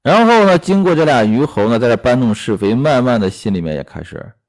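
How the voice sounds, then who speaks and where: A man of medium pitch talks briskly with lively intonation. As storyteller and commentator, he goes over a classic novel episode and reflects on it through a workplace lens, full of fillers and rhetorical questions.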